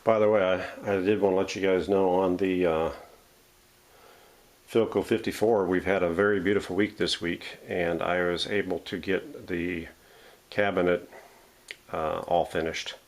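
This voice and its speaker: Handling the parts as he goes, a man runs a casual, unscripted demonstration in his home workshop for his vintage radio restoration channel. He has a low voice with fairly even intonation and talks at a moderate pace.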